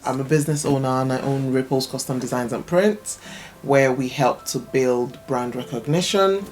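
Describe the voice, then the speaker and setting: A woman's voice: very deep voice, moderate pace, a little mellow, faint music behind. A woman who grew up in Nigeria, talking casually as an interview guest about her businesses and background, with many fillers. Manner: thoughtful, explains at length with many fillers.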